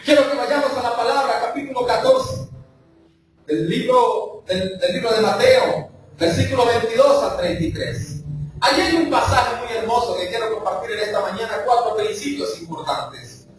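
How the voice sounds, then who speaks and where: A man's voice: very high voice, lively intonation, moderate pace, slight background noise. A man, a pastor preaching a fervent sermon that rises and falls for emphasis. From Venezuela. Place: church sanctuary. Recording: very echoey church hall from far off.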